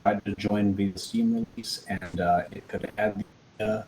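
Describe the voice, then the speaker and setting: Man with deep voice, glitching call audio. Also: steady tone, a little mellow, slight background noise, rough recording. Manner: hesitant, halting, with fillers. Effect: choppy, glitching voice-chat audio that keeps breaking up. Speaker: game tester. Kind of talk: casual chat over a voice call.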